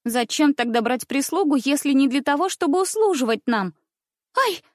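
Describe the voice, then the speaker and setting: A spoiled little girl of noble birth, high-pitched and bossy, who giggles and demands , as a woman puts her on for a storybook. The sound is dry and close. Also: lively intonation, normal speed, no room sound. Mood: capricious. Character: spoiled rich little princess girl, capricious.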